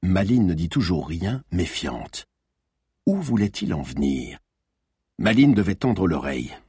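A man narrating a thriller audiobook in an expressive, dramatic reading. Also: deep voice, a little slow, husky, dry recording, studio quality.

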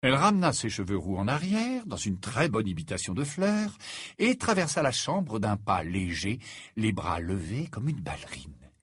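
Husky man reading a storybook aloud. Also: on the low side, normal speed, dry recording. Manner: lively, acts out each character. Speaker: audiobook reader. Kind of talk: storybook narration.

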